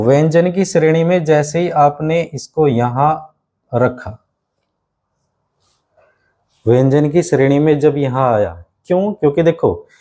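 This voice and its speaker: Mellow-voiced male grammar teacher. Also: mid-range voice. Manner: explains step by step with frequent rhetorical questions; keeps addressing students as friend. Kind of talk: online exam-prep grammar lesson.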